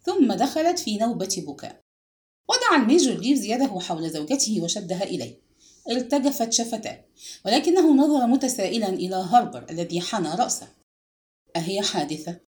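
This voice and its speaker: Expressive woman narrating an audiobook. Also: a little high, quick pace. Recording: echoey room.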